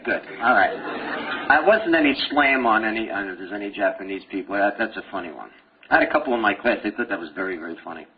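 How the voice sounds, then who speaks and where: Animated man lecturing over a tinny recording. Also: mid-range voice, slight background noise. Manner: animated, joking, asks the class questions. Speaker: medical lecturer. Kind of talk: classroom lecture. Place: lecture hall with students.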